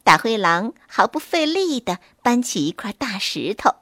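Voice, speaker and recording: A woman storyteller reading a children's story aloud with clear, expressive delivery. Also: a little high, measured pace, dry recording, clean studio sound.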